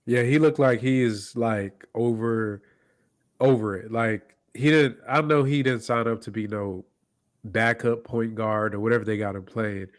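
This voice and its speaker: A man's voice: on the low side, fairly even intonation, a little slow, no echo, clean studio sound. A man with a stuffy, nasal voice from a cold, co-hosting a casual post-game basketball chat in a laid-back, slangy way full of fillers. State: sick, congested nasal voice. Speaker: co-host of a basketball podcast.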